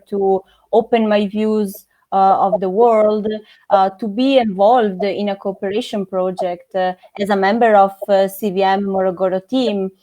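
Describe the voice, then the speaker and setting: A woman's voice: mid-range voice, darkish tone. A woman, answering interview questions thoughtfully and searching for words with many fillers and restarts. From Italy. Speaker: interviewee, former NGO volunteer.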